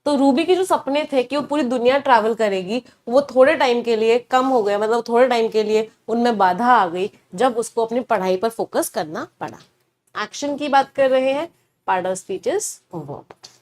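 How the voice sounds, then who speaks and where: A young woman runs an online vocabulary lesson, slipping between Hindi and English. Her voice sits fairly high, and she keeps the class moving by asking questions and answering them herself. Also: normal speed, darkish tone. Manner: explains words in Hindi mixed with English, asks rhetorical questions.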